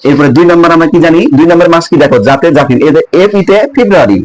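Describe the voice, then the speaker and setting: Teaching English month names to his students, a man from Bangladesh works on their pronunciation by questioning them repeatedly and slowly repeating each word. His voice is pitched a little above most men's, captured in a rough recording.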